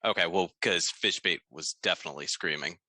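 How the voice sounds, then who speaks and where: Low-voiced man, a player at the table. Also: brisk, sharp tone, no echo, clean studio sound. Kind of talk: casual table talk.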